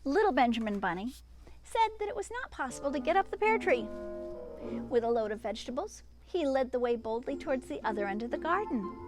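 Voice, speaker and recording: A woman with a high voice reads a children's storybook aloud expressively, stopping for chatty asides to her young listeners.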